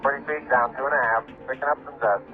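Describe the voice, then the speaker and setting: A man's voice: medium pitch, steady tone, fast talker, soft background music. A man giving clipped, matter-of-fact mission callouts over a crackly space radio transmission with beeps, in muffled archival audio.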